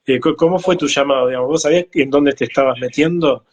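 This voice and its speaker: A man with a Rioplatense accent leads a conversation, asking questions slowly and with many pauses and fillers. His voice sits at a middle pitch. The delivery is plain and unhurried. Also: darkish tone, lo-fi sound. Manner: hesitant, with frequent fillers. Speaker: interviewer.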